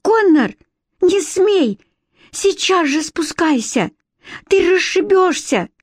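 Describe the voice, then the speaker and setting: A cautious twelve-year-old girl from a storybook, voiced by a woman. She pleads and scolds in a high, worried voice. The recording is close and dry. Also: normal speed, darkish tone, dry recording, close to an everyday voice. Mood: pleading.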